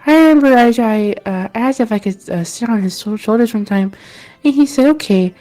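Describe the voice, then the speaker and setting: A woman's voice: fairly high pitch, brisk, warm tone, voice pushed up, close to an everyday voice, rough recording. A woman voicing a small, eager girl child with a naive, hesitant, chatty manner in a tabletop game. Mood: wistful, excited.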